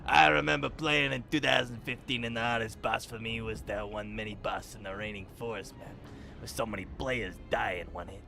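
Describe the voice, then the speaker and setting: Man doing a cranky little ciggie-loving woman, gruff drawl, over steady game music. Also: fairly low pitch, fairly quick. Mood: grumbling. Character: tiny fussy woman who craves cigarettes.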